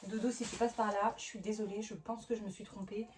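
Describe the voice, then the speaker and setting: A woman's voice: mid-range voice, fairly even intonation, fast talker, a little mellow. A woman in her thirties chatting casually as she unboxes a haul for her family vlog, exclaiming and restarting often. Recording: mic at a distance with clear background noise.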